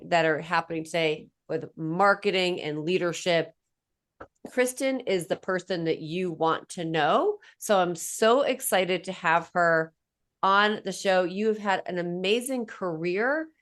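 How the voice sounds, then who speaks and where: A woman with a Boston accent hosts a podcast in a relaxed, chatty way. She is gushing and enthusiastic, her sentences wandering and restarting as she talks. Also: on the low side. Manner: effusive and enthusiastic, rambling. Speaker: podcast host. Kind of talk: casual interview chat.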